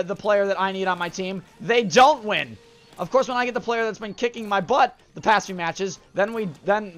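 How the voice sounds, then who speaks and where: Guy ranting over his gameplay, bright sharp voice, fed up and yelling at players. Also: high voice. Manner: frustrated, exasperated outbursts. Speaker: gameplay commentator. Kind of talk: live gameplay commentary.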